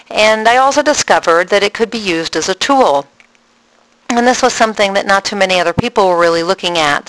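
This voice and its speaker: A woman's voice: on the low side, a bit bright, no echo, poor audio. A woman who works as a spiritual coach, talking listeners through a coaching tip in an earnest, explaining way with some fillers.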